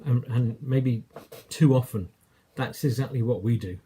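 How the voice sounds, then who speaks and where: A man with an English accent preaches a sermon in a mid-range, dark voice at a measured pace, with slight background noise. He tells a story conversationally and acts out the quoted lines.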